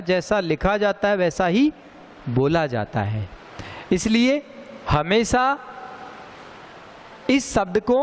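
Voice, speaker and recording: A teacher leads a Hindi grammar lesson on pronunciation, speaking slowly and carefully and repeating words so the correct form sticks. His fairly high voice moves around a lot, and the recording has a long reverb with faint background noise.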